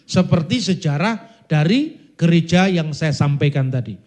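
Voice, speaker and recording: Male preacher with a high voice, storytelling sermon style, speaks straight to the congregation. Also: lively intonation, unhurried, darkish tone. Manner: storytelling, addresses the audience as brothers and sisters; breaks into sung demonstrations. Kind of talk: church teaching talk.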